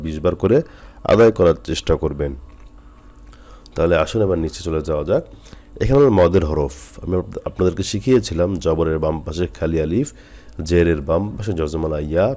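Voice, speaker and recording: Male Quran tutor, low voice, Jessore Bengali accent, patient letter drills. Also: dark tone. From Jessore, Bangladesh. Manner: patient, drills letters slowly and repeats them. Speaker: Quran reading teacher. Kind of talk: recitation lesson.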